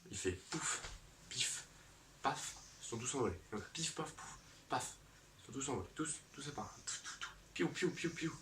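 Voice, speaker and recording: A man's voice: mid-range voice, animated, moderate pace, distant mic, background noise. A man telling an absurd comic story in a rambling way, correcting himself and throwing in sound effects.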